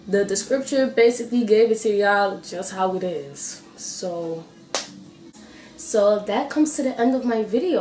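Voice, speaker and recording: A woman's voice: mid-range voice, a little mellow, a little hiss or hum. A young woman vlogging casually, retelling movie plots and recommending films in a chatty, playful, slangy way. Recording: echoey room with faint music.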